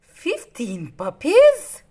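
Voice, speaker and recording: A woman's voice: high-pitched, wildly swooping pitch, very slow, warm tone, voice pushed up, full character voice. A woman voicing a greedy, imperious storybook villainess in a demanding, theatrical manner.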